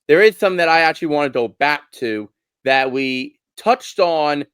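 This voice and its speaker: Brooklyn-accented man arguing sports, smooth voice. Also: a little high, lively intonation, moderate pace, a bit bright, no echo. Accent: Brooklyn New York. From Brooklyn, New York. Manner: argues through rhetorical questions. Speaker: podcast co-host. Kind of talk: casual sports talk.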